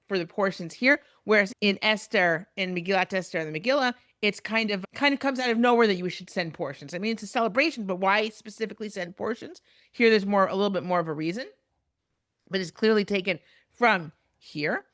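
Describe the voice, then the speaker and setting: A woman's voice: medium pitch, a bit bright, no echo. Woman teaching Bible text, dry sound. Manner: reads Hebrew verses aloud, then translates and explains. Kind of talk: recorded lecture.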